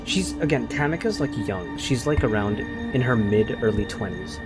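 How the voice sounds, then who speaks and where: Man, game master, narrating, hesitant when explaining, mid pitch, music behind. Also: animated, normal speed.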